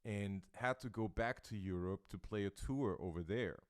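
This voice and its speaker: A man's voice: on the low side, normal speed, clear, resonant tone, no echo, clean studio sound. A male host from Austria chatting in an interview, thoughtful and searching for his words. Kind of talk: casual interview chat. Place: Brooklyn, New York.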